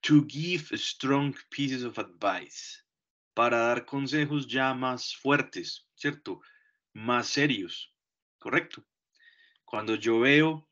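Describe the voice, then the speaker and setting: A man teaching English grammar, explaining slowly and deliberately and checking in with short questions. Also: mid-range voice, pushed and bright. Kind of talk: bilingual grammar lesson. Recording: dull lo-fi recording.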